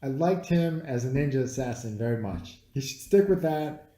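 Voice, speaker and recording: Animated and mellow, at a moderate pace, this mid-range male voice belongs to a podcast co-host who's had a few beers and is casually tearing into a film. He swears freely and is blunt, dismissive and teasing, in an echoey, roomy home recording.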